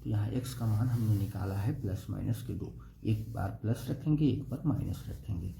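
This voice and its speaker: This young man's voice sits fairly low, gravelly and mellow, moving at a moderate pace as he walks a class through a math lesson step by step. He frequently asks "okay?", and the recording comes from an echoey room with faint noise.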